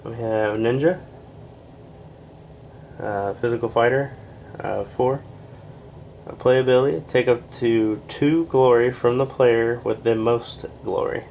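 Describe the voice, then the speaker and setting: A board game reviewer with a stuffed-up, medium-pitched, slightly mellow voice and some vocal fry reads through a deck of game cards, plainly and unhurriedly voicing each one's text. He's a little short of breath and tosses in casual asides with fillers, over a faint background hiss.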